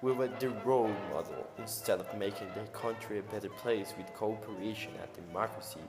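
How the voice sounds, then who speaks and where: A man's voice: fairly low pitch, a little fast. A man narrating in the manner of an old newsreel, with a solemn announcer delivery and slightly awkward phrasing. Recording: roomy long reverb over clear music.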